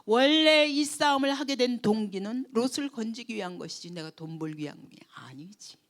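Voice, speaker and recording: A woman's voice: on the high side, animated, moderate pace. A woman pastor delivering a sermon, telling the story expressively, asking the congregation rhetorical questions and sometimes dropping to a whisper for emphasis. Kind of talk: sermon at a church retreat.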